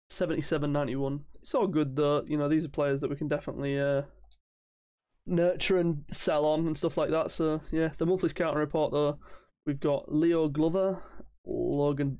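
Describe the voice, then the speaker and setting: A young man giving excitable commentary over his own football video game. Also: a little high. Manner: excitable, laughing, shouting at the game. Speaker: gaming video creator.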